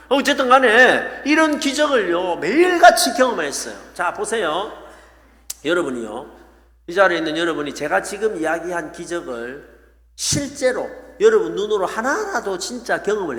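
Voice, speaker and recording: Lively male preacher. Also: sits high, moderate pace. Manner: animated storytelling with playful asides. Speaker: pastor. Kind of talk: revival sermon. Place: church sanctuary. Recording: echoey church hall.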